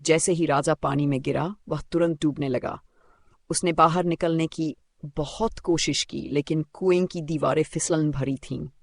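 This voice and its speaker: A male storyteller reads a scripted children's fable in a voice slightly high for a man and noticeably creaky. His tone stays steady and unhurried, and the recording is very dry, with no room sound.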